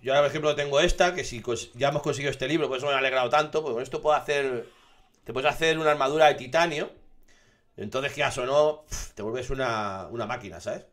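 A young man from giving casual, excitable commentary over his survival gameplay, swearing and shouting when something startles him. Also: medium pitch, fast talker. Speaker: gaming streamer.

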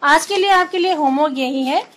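A woman teacher giving an online grammar lesson to children, slowly listing examples word by word. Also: high voice, fairly bright tone, poor audio. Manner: slow, clear, listing examples one by one.

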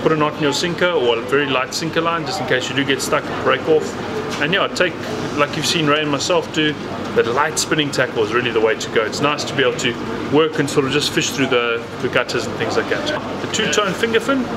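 A man's voice: mid-range voice, fairly quick. Brief: man in his thirties, a marine biologist presenting to camera, loose and chatty, noisy room tone. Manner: chatty, many fillers and repeated words. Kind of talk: casual educational talk to camera. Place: indoors in front of a large aquarium.

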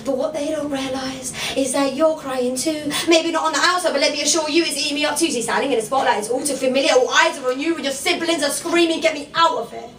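A young woman from England performing a spoken word poem on a small bar stage, rhythmic and rhyming with dramatic pauses. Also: sits high, a bit bright. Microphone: stand mic on stage, recorded from the room. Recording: echoey bar room from far off.

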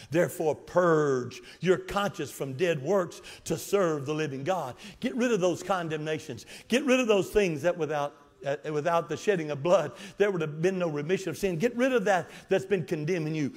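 A pastor preaching a Pentecostal sermon, swinging from shouts to low murmurs, with sarcastic asides, in a large church. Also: male voice. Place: large church sanctuary with balcony.

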